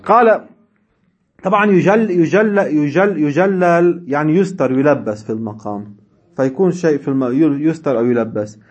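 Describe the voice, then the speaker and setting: A man's voice: a little high, animated, normal speed, lo-fi sound. A man teaching a seminary class, reading classical texts and explaining them in dialect with chuckling asides. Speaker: religious studies teacher.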